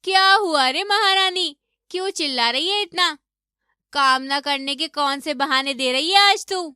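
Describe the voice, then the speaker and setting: A woman voicing a harsh, domineering middle-aged mother-in-law in an animated story, taunting and scolding her daughter-in-law. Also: high voice, measured pace, no echo, studio quality.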